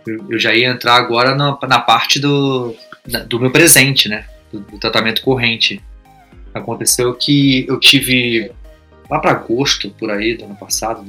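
A man's voice: medium pitch, fairly even intonation, a little slow, pushed and bright, soft background music. A man, co-hosting a podcast, supportive and explaining things with everyday comparisons. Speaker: podcast co-host. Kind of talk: casual podcast chat.

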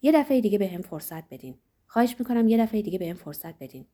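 A woman reading the part of a panicked young man who begs in a fast, frantic, tearful way. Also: medium pitch, big pitch swings, dark tone. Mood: frantic pleading.

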